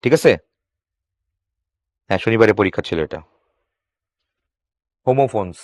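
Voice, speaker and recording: A man's voice: on the low side, darkish tone, dry recording. Man teaching English grammar, dry sound. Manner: asks students quick questions, then answers himself; reads English sentences slowly, then explains. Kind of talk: exam-prep grammar lesson.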